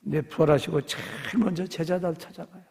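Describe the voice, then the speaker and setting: A man's voice: on the high side, fairly even intonation, fast, vocal fry, darkish tone, big-room sound. A man preaching a sermon as pastor, telling stories animatedly and acting out dialogue in different voices. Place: church sanctuary.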